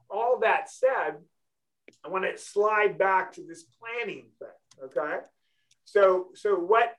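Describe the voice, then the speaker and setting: A Californian man hosts a financial talk show with a slightly bright, high-sitting voice, captured on a low-quality recording. He's blunt and emphatic in this casual talk show chat, frequently checking in with "okay?"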